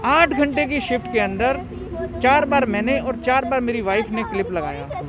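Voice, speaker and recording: Interviewee, man, high voice, agitated testimony, outdoor crowd noise. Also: lively intonation, moderate pace. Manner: agitated, quotes others in dialogue. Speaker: relative of the deceased, interviewee. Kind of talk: testimony to a reporter. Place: outdoors at a cremation ground.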